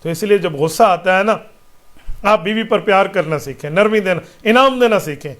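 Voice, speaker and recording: A man's voice: high-pitched, fairly bright tone. A man answering listeners' religious questions as a mufti, speaking emphatically with rhetorical questions and repeated parallel phrases.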